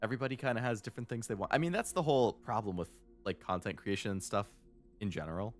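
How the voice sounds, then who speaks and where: A man's voice: fairly low pitch, fast talker, faint music behind. A man streaming a game, rambling in casual chat and laughing often into a desk microphone.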